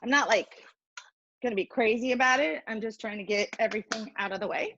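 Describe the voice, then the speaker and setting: Brisk and on the high side, this woman runs a casual cooking demo, explaining every step in a chatty, self-deprecating, playful way. Background noise sits under the lo-fi audio.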